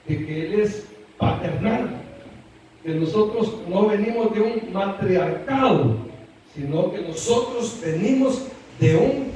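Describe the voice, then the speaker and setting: High, lively male preacher in an echoey church. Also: a little hiss or hum. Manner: animated, keeps calling on the congregation with "hermano" and "¿verdad?". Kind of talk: sermon. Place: church hall. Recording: very echoey hall picked up from far off.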